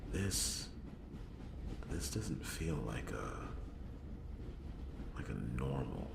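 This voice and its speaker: Casting: male actor as brooding noir detective, extremely low and slow, breathy ASMR role-play, wry muttering, roomy sound with background noise. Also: sing-song, exaggerated voice. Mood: puzzled, uneasy. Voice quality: gravelly, breathy, very deep. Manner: brooding, hesitant, thinking aloud with sighs and pauses. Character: hungover, wry noir detective, a grown man muttering to himself.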